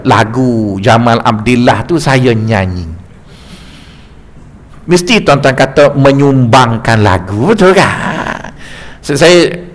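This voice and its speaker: A middle-aged man with a Malaysian Malay accent giving a mosque lecture, joking and telling stories with stammered restarts. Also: mid-range voice. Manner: lively, jokey storytelling with stammered restarts. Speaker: religious teacher.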